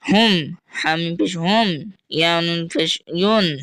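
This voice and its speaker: Bengali male Quran tutor, crisp clear voice, dry close sound, spells out letters then stretches syllables. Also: sits high, a bit bright, no room sound. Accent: Bangladeshi Bengali. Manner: drawn-out recited syllables between quick explanations. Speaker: Quran recitation teacher. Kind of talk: spelling out Arabic letters and vowels, then reciting slowly.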